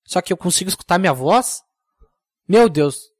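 A young man hosting a comedic solo podcast, rambling and mocking himself in a deadpan way. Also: sits high, moderate pace. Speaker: podcast host.

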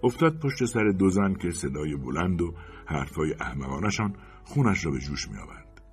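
A man narrating a short story as an audiobook, with expressive storytelling. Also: low-pitched, faint music behind.

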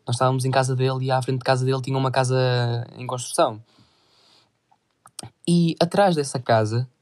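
A man's voice: mid-range voice, a little mellow. A teenage boy with a European Portuguese accent telling a crude, rambling story in casual slang full of swearing. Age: teens.

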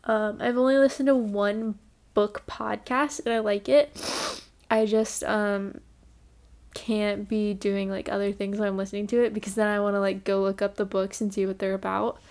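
A young woman hosting a podcast in a rambling, casual chat, sounding congested and stopping often for ums and quick apologies. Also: mid-range voice, level tone, darkish tone. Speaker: podcast host.

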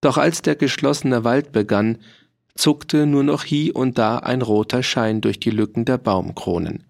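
Slow gravelly male storyteller. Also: mid-range voice. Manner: slow, measured reading with voiced character lines. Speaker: audiobook narrator. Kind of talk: scripted narration of a historical novel.

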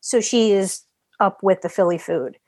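A woman telling a rambling, animated story in casual chat, swearing freely. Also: medium pitch, measured pace, dry recording.

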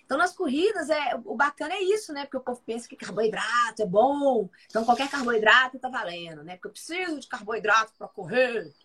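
A woman's voice: a little high, expressive, fast, few pauses, a bit bright, breathy edge. A woman co-hosting a casual live chat as a nutrition mentor, talking in a chatty, emphatic way and repeating her phrases.

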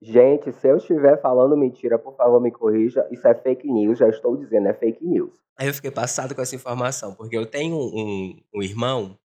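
A man with a hoarse smoker's voice, hosting a casual confessional podcast in a dramatic, joking way. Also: medium pitch, brisk, few pauses, warm tone. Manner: dramatic, joking, self-mocking. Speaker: podcast host.

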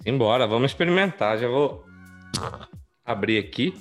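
A man from co-hosting a podcast, explaining things in a relaxed way with stumbling restarts. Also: mid-range voice, moderate pace, soft background music. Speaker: podcast co-host. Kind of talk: casual chat.

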